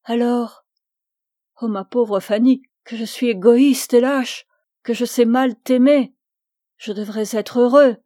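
A woman's voice: mid-range voice, fairly even intonation, measured pace, warm tone, no echo, clean studio sound, close to an everyday voice. Woman reading as a remorseful young lover. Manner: pleading, self-reproaching.

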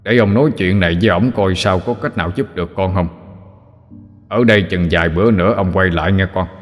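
A man voicing a kindly old male spirit who reassures softly in a Southern Vietnamese accent. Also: deep voice, quick pace, in a large hall, faint music behind, lightly acted. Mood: reassuring. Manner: soft, reassuring.

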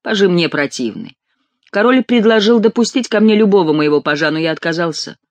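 A man's voice: high voice, lively intonation, fairly quick, dry recording. A man reading an audiobook, voicing a bored, fretful young male courtier with a peevish, complaining delivery.

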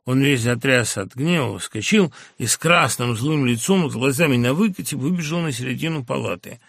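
Male audiobook narrator, measured expressive reading, gravelly voice, dry close studio sound. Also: medium pitch, no echo.

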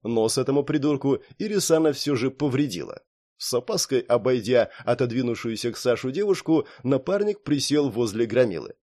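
A man reads a story aloud in a steady audiobook style. His voice is mellow and dark, and it sits at an ordinary middle pitch. For the characters' lines he lifts his pitch slightly. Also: brisk. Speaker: audiobook narrator. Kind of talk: scripted audiobook narration.

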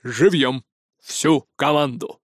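For an audiobook, a man voices a cocky, boastful pirate parrot a century old, squawking brashly at a slow pace in a medium-pitched voice. The recording is studio quality, natural-sounding, and free of room sound.

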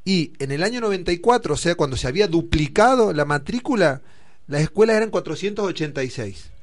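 A man's voice: fairly high pitch, expressive, fairly quick. A man with an Argentine accent, explaining figures in a discussion program and thinking aloud with fillers. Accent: Argentine Spanish.

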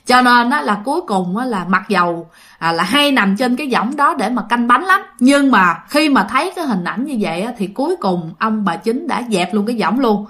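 A woman's voice: fairly high pitch, expressive, normal speed, fairly bright tone. A woman telling ghost stories in a casual, chatty way, often speaking straight to her listeners. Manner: chatty, addresses listeners directly. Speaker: storyteller.

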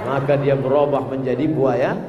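A man preaching a sermon with humor, chanting verses and then explaining them, rising to shouted emphasis. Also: medium pitch, level tone, normal speed, lo-fi sound, a crowd in the background. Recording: echoey hall, faint noise.

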